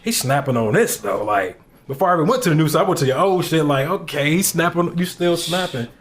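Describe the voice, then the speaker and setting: This thirty-year-old podcaster from Ohio, working indoors in a small backdrop studio with a desk mic on a boom arm, is laid-back and slangy and gets his guest hyped. He talks fairly quickly, with a voice on the high side and expressive.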